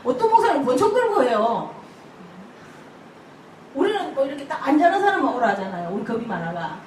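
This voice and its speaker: An older woman pastor, preaching an animated sermon full of stories, acting out church members' voices and laughing often. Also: high voice, brisk. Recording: echoey hall from far off, noisy ambience.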